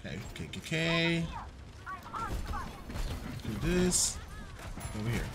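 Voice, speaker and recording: A man's voice: fairly high pitch, big pitch swings, measured pace, gravelly, background noise. A man streaming a game live, chatting casually, greeting viewers and swearing freely while he plays.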